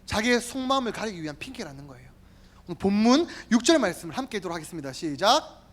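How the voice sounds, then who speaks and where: A youth pastor preaching to a congregation, turning to the listeners often and repeating key words. The pitch swings widely, rising high on emphatic phrases and dropping low and soft at the ends. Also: very animated, quick pace. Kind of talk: sermon.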